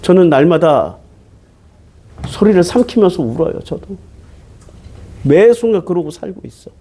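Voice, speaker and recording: A man's voice: sits high, big pitch swings, a little slow, dark tone, slightly rough. A man preaching a Bible-teaching sermon as pastor, talking casually and asking his listeners question after question. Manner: conversational, switching between polite and casual speech.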